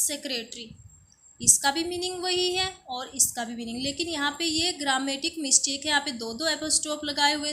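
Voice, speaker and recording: A woman teaching a grammar lesson. She asks questions and then answers them herself, and she reads example phrases out slowly and deliberately. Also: sits high, bright, forceful tone, slight background noise. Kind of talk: classroom-style grammar lesson.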